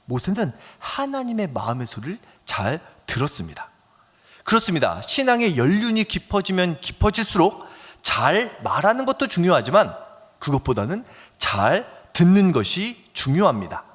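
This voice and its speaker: Man pastor, sermon, fairly high voice, lively swings from loud to hushed, long church reverb. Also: moderate pace. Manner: animated, swings between loud emphasis and soft near-whispers; acts out quoted phone dialogue in storytelling. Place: church sanctuary.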